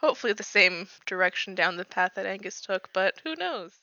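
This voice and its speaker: A slightly lo-fi, very dry recording of a woman playing a tabletop game. Her voice is bright and forceful, and she moves casually between teasing banter and character lines. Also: medium pitch, expressive, fairly quick, no room sound.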